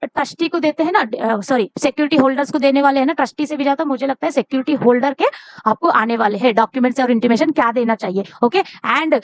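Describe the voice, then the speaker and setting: High-voiced woman tutor giving urgent exam tips. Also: fast talker, no echo. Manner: urgent, repeats herself, mixes Hindi and English.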